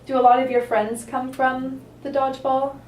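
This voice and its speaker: A woman speaking as a calm, supportive therapist, asking gentle questions and affirming answers in a counselling session. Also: sits high, moderate pace. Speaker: counsellor in a practice roleplay session. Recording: roomy, distant mic, faint noise.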